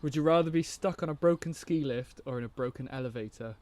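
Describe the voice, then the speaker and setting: A man's voice: mid-range voice, fast talker, a little mellow. A young British man co-hosting a podcast, casually posing questions and bantering with slang and swearing. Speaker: podcast co-host reading questions.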